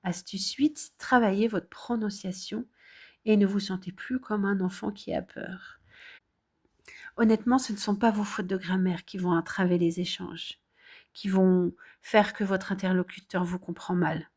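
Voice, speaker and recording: A woman's voice: medium pitch, measured pace. A woman from France, middle-aged, coaches her viewers through a casual video lesson. She talks in a direct, encouraging way and leans hard on the words she wants to stick. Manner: encouraging, direct, lively emphasis. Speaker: English teacher.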